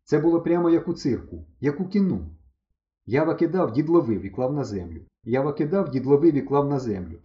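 A man reading a humorous story aloud in the first person, with lively, mock-dramatic narration. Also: medium pitch, fast talker, hardly any pauses. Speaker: audiobook narrator. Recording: dull lo-fi recording.

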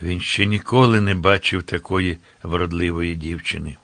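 Man reading a story aloud, lowish voice, very dry close sound. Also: moderate pace, no echo. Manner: steady, descriptive storytelling. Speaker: narrator. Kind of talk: audiobook narration of a historical tale.

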